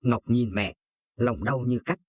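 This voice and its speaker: A man's voice: medium pitch, measured pace. A man narrating a sad family story in a solemn, scripted storytelling manner.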